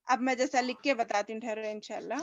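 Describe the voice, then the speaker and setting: A woman's voice: on the high side, fairly even intonation, no echo. A woman teaching a recitation class over a video call, patiently repeating each sound for her students. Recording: dull lo-fi online call audio.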